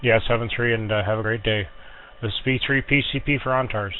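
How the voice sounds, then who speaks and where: Man, ham radio net control, relaxed procedure, tinny band-limited audio, static hiss. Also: mid-range voice, fairly quick. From Canada.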